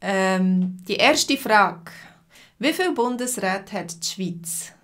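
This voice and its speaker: Teaching during a live stream, a woman from Switzerland greets her viewers by name and walks through things slowly and simply, filling pauses often. She has a Swiss German accent and a medium-pitched, expressive, somewhat bright voice.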